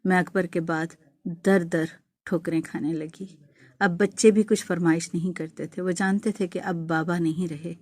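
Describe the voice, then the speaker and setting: A woman's voice: lowish voice, steady tone, a little mellow, no echo. A woman narrating an emotional first-person story in a heartfelt, dramatic way. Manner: heartfelt and dramatic, rising to wailing pleas.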